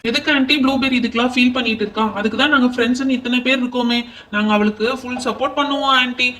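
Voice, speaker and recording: A helpful, chatty young boy in a doll play rattles along, as a man voices him. The voice is very high and quick, recorded a little far off the mic, with a reassuring, friendly manner. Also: fairly even intonation, sharp tone. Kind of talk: doll pretend-play voice acting.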